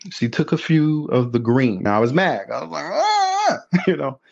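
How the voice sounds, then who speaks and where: A man shares personal stories in a relaxed conversation, his husky voice swinging up and down as he acts out the people in them. The sound is dull and slightly lo-fi. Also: mid-range voice, moderate pace. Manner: animated, acts out voices in quotes. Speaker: podcast guest. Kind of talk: candid storytelling in conversation.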